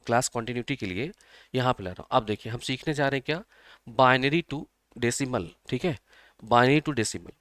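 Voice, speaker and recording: A man's voice: medium pitch, a bit bright, dry recording, studio quality. A male computer teacher, explaining an exam-prep lesson step by step and often checking that students follow. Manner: repetitive, checks understanding often.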